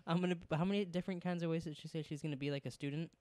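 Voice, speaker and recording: A man's voice: fairly high pitch, steady tone, racing, darkish tone, no echo. A man co-hosting a casual bedroom podcast, joking, rambling, swearing and laughing often. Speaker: podcast co-host. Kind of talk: casual chat.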